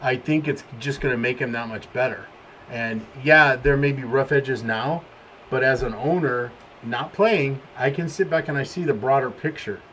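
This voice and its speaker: A man's voice: mid-range voice, normal speed, slight background noise, poor audio. A man, the team owner hosting the show, chatting casually and acting out quoted exchanges as he tells stories. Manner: animated storyteller, acts out quoted exchanges. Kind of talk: casual podcast chat.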